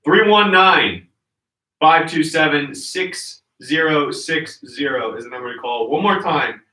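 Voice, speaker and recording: Bright-voiced male podcast host, roomy. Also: a little high, lively intonation, unhurried, distant mic. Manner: rambling, loose, lots of fillers. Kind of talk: casual sports chat.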